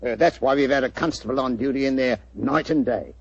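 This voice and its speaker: An actor playing a cocksure, plodding English police inspector with an English accent, blustering and colloquial in 1940s radio style. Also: male voice, mid-range voice, fairly quick, breathy edge, no echo. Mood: businesslike. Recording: muffled old 1940s radio recording.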